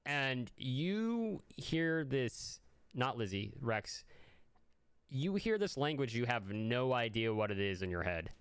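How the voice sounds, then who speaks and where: A man's voice: mid-range voice, sing-song, slow pace, clean tone, no echo. A man running an online tabletop roleplaying game as game master, narrating and explaining in a descriptive way.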